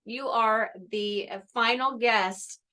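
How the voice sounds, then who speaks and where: A woman's voice: fairly high pitch, steady tone, takes it slowly, bright, forceful tone. A woman hosting a live interview podcast, bubbly and encouraging as she draws out her guest. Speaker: podcast host.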